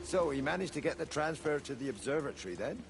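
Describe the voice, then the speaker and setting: Blunt worried farmer, kinda highish voice that swings up and down a lot, game music behind. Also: male voice, sing-song, fast, creaky. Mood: gruff. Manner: blunt, agitated. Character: worried older rural male farmer. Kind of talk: video game voice acting.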